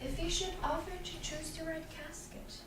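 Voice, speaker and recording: High-voiced Nerissa, played by a woman, echoing room. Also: flat delivery, moderate pace. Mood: reassuring. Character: loyal, teasing young lady-in-waiting. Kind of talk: staged reading of Shakespearean comedy. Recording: echoey, noisy room from far off.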